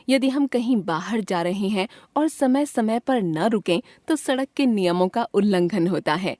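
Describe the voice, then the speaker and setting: A woman reads a textbook grammar lesson in a clear, measured delivery. Her voice sits on the high side and moves animatedly as she voices each example sentence with its own expression. The recording is close and dry, with no room sound. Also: mellow, dry recording. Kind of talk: scripted textbook lesson reading.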